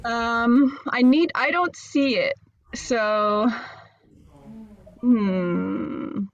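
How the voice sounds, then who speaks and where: A woman giving a casual talk over a video call from inside a camper van, nervous and halting with many fillers. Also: on the high side. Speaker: guest speaker. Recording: dull dry video call audio.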